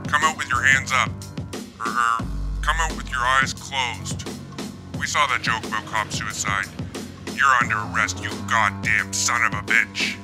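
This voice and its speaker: A man's voice: medium pitch, fairly even intonation, measured pace, music in the background. A man voicing a riot cop who barks threatening arrest orders through a megaphone. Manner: barking, threatening commands.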